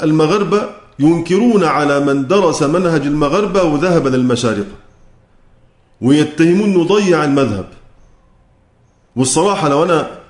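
A man with an Egyptian Arabic accent teaching the rules of Quran recitation, asking questions and answering them himself, chanting the quoted verses slowly. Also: on the high side, a little mellow, roomy sound.

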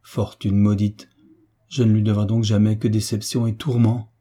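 A man's voice: medium pitch, moderate pace, mellow, husky, natural voice. A man reading the part of a young orphaned heiress who pleads earnestly in a storybook reading. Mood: pleading. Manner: earnest, imploring.

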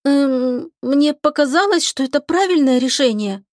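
A woman's voice: high voice, lively intonation, unhurried, a little mellow, no room sound, clean studio sound, pitched above the performer's own voice. A woman voicing a bubbly, eager young female sailor on a starship, with a playful, sing-song delivery. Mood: sheepish.

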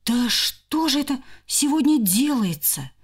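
High, sharp little hamster boy in a storybook, bossy and stern, done by a woman reader. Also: lively intonation, unhurried, slightly rough, heavily acted. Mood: puzzled. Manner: shouts commands sternly. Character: fussy young male hamster, bespectacled, bossy peacemaker.

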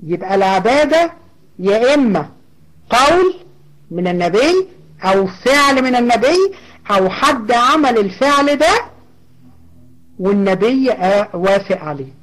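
A woman's voice: a little high, very animated, measured pace, pauses often, poor audio. A woman with an Egyptian accent teaching a religious lesson conversationally, asking rhetorical questions and checking in with her listeners.

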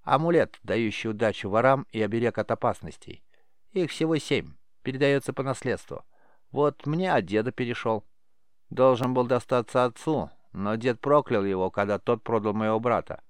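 A man's voice: medium pitch, moderate pace, clean tone, no echo, clean studio sound, natural voice. A man voicing a cocky, cynical young thief boy who talks in a streetwise, boastful way.

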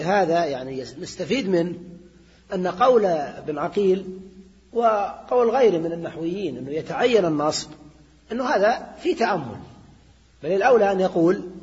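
A man's voice: sits high, darkish tone. An older man giving a classroom grammar lecture, explaining and repeating points and often checking in with his students. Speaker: teacher of Arabic grammar. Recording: dull lo-fi recording in a reverberant hall.

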